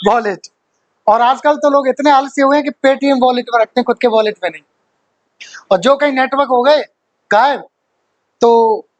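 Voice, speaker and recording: A man's voice: very high-pitched, poor audio. Playful, teasing male grammar teacher. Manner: playful and teasing, jokes and quizzes students, laughs often. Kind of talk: exam-prep grammar lesson in Hindi with English examples.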